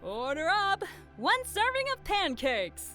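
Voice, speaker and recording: Gleefully sadistic hologram AI hostess, very animated. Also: female voice, very high-pitched, slow pace, faint music behind, exaggerated voice. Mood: gleeful, commanding. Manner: theatrical mock-sweet teasing. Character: gleefully sadistic female hologram AI game show host. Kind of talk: video game voice acting.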